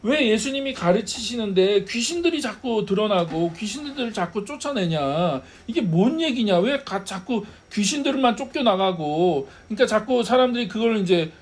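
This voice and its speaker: High-voiced man preaching a sermon. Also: lively intonation, moderate pace, hardly any pauses. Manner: asks the congregation rhetorical questions, laughs now and then. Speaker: pastor.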